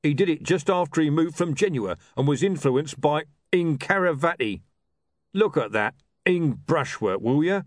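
A man voicing a loud, coarse, swearing male thug, blunt and forceful, in an audiobook. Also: a little high, animated, normal speed, no room sound, clean studio sound, voice pushed up. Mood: gruff.

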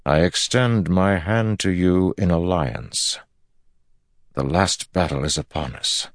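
A man's voice: low voice, slow, no echo, studio quality, pitched above the performer's own voice. A man voicing a commanding hero of ancient claim in an audiobook, solemn and declaiming.

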